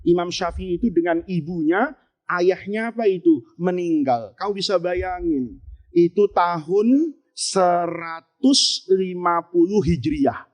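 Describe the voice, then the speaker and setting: Man, high voice, animated sermon, joking, shouted bursts. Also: slow. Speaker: Islamic preacher teaching boarding-school students. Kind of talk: lively sermon with storytelling.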